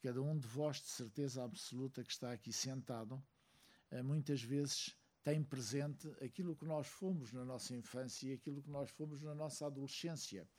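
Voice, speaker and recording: A man from Angola speaks to a seated audience in a measured, reflective way, pausing often to find his words. His voice is mellow and dark, and his pitch sits in an ordinary middle range. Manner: reflective, measured, many hesitations. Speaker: speaker at a book launch.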